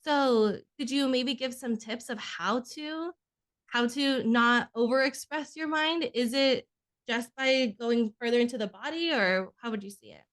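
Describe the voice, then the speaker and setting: Fairly high-voiced woman podcast host. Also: a little slow, a bit bright. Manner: casual, "like" and "um" fillers. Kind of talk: casual interview chat.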